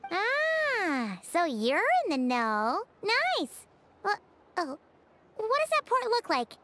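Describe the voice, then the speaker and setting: An actress voicing a tiny, chatty and excitable female companion creature in a video game, with an exclaiming, whiny manner. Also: very high voice, slow, full character voice.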